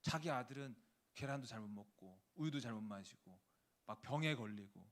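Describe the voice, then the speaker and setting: A man's voice: medium pitch, animated, normal speed. A male preacher giving a sermon, telling a story and acting out the quoted lines. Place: church.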